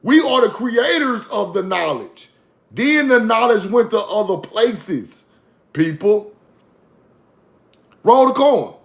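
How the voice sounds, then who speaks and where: This young Mississippi man, an online video host, talks slowly to his chat viewers in a high voice with big pitch swings, vocal fry and frequent pauses. He is casual yet preachy and emphatic, repeating his catchphrases.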